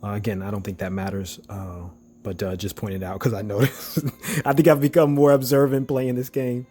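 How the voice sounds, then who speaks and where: A man's voice: on the low side, fairly even intonation, moderate pace, mellow. A man giving casual gameplay commentary in a chatty, hesitant way with frequent fillers. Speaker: gaming video host.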